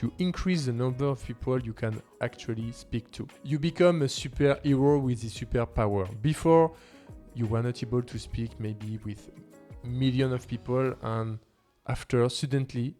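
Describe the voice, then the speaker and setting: Speaking casually to camera, a man from France hosts a language-learning video in English. A native French speaker with a French accent, he uses non-native phrasing, and his mid-range voice has a warm tone.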